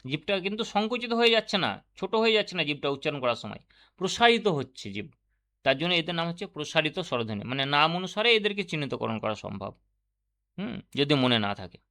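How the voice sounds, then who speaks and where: A man's voice: on the high side, very animated, fast talker, bright, forceful tone. A man teaching Bengali grammar for a teacher exam, explaining step by step and asking and answering his own questions. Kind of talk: online exam-prep lesson.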